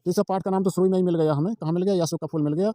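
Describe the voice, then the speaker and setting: Male exam tutor, quick and repetitive, slightly high and mellow, talking through a page line by line. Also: fairly even intonation, dry recording, clean studio sound. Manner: repetitive, asks and answers his own questions; walks through a page, pointing at lines. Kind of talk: informal exam-prep tutorial.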